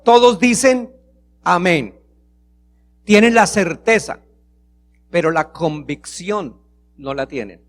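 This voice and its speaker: High-voiced preacher delivering a sermon. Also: male voice. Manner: preaching, acts out a child's pleading voice. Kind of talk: sermon with prayer.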